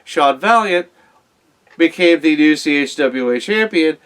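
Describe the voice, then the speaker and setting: A man announcing a winner in the drawn-out, high-energy style of a boxing ring announcer. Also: animated, fairly bright tone, clear, resonant tone. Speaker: show host and ring announcer.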